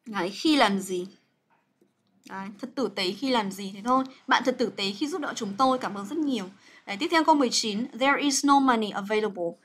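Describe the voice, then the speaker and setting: A woman's voice: a little high, brisk, fairly bright tone, husky. A young woman teaching English grammar on a livestream, chatty and coaxing, full of fillers and checks with her students.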